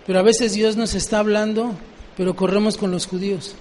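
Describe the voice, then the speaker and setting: A man with a very high voice delivers a sermon and keeps asking the congregation questions. His voice rings with a long reverb, and faint background noise sits underneath. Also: flat delivery, fairly quick, a little mellow. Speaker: preacher.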